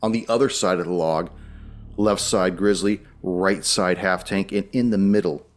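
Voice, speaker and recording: A man's voice: deep voice, fairly even intonation, normal speed. A man narrating a tabletop role-playing game as game master, guiding players through rules and scenes.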